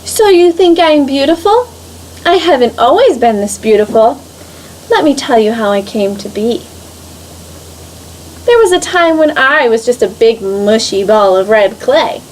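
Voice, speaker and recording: A woman's voice: a little high, animated, a little slow, darkish tone, a little hiss or hum. A woman voicing a dramatic, self-pitying talking china teacup in a storybook reading, with a theatrical, swooping delivery. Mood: proud, confiding.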